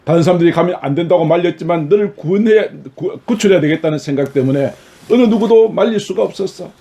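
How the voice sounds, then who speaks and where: A pastor playing a loving mother who was scarred by fire, telling her story in a gentle, pleading way. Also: high voice, fast talker, pitched above the performer's own voice, lightly acted. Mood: tender.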